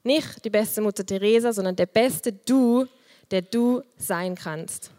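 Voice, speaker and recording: A woman, leading a group and giving a personal sermon, her voice soft and quiet, lively and warm with small laughs, speaking into a handheld microphone. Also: mid-range voice, unhurried, long reverb tail. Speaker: youth group leader giving a talk.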